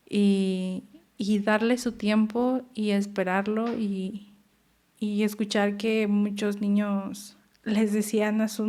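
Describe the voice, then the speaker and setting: A woman's voice: medium pitch, a little mellow. Earnest young Mexican mother telling stories. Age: young adult. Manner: earnest, repeats words for emphasis, acts out quotes. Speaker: guest, mother. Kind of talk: emotional personal storytelling.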